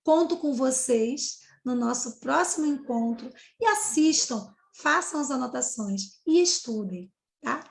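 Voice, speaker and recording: A woman's voice: sits high, expressive, unhurried, creaky, roomy sound. A Brazilian woman teacher giving a recorded video lesson, explaining step by step and checking in with her students. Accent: Brazilian Portuguese.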